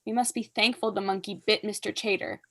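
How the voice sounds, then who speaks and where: For a staged reading of a period comedy, a young woman voices a haughty, witty aristocratic mother. Her mid-range delivery is brisk and sharp with fairly even intonation, and the performance is pompous, arch, declamatory and imperious.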